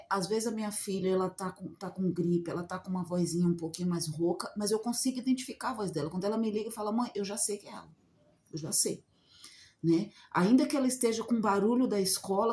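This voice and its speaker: A woman's voice: mid-range voice, dark tone. A woman giving an informal Bible teaching, talking conversationally and asking many rhetorical questions. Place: outdoors in the sun.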